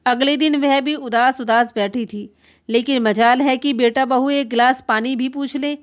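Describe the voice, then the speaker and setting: Brief: female storyteller, earnest, even, slightly high voice. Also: moderate pace. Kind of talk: scripted narration.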